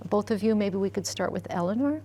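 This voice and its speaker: A woman with an everyday mid-range voice hosts a conversation. She asks gentle, encouraging questions of her guests. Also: mid-range voice, expressive, fast, a little hiss or hum. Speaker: host. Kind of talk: conversational interview.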